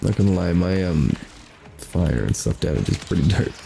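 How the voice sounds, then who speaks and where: A man's voice: low voice, expressive, normal speed, gravelly, dark tone, slight background noise. A man streaming a game, joking and rambling as he plays. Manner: joking, rambling, mock impressions. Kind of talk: casual gaming commentary.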